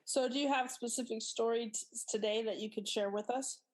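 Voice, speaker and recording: A woman's voice: on the high side, steady tone, a little fast. A woman interviewer asking questions in a conversational way.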